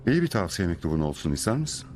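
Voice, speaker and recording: An actor dubbing a male lab supervisor who speaks briskly and asks pointed questions. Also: deep voice, big pitch swings, a little mellow. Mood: probing. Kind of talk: film dubbing.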